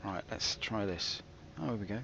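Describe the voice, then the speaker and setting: A man's voice: on the low side, moderate pace, vocal fry, bright, forceful tone, highs cut off, a little hiss or hum. A man hosting a gaming video with rambling, self-mocking, dryly comic commentary. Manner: dry, self-mocking, digressive.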